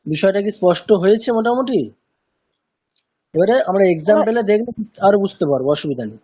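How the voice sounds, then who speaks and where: A man's voice: high voice, animated, fast, darkish tone, husky, dull audio. A man teaching a pronunciation lesson in an online class, patiently repeating sounds to demonstrate them. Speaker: chanting teacher.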